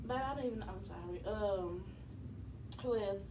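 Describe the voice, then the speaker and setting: A woman hosting a casual podcast chat, animated and quick to laugh, reading out listener comments. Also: medium pitch, roomy sound, slight background noise. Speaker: podcast host.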